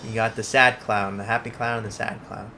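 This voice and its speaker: A man's voice: lowish voice, little pitch movement, fairly quick, vocal fry, bright, forceful tone, a little hiss or hum. A man co-hosting a let's play, chatting casually about the game. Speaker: gaming show co-host.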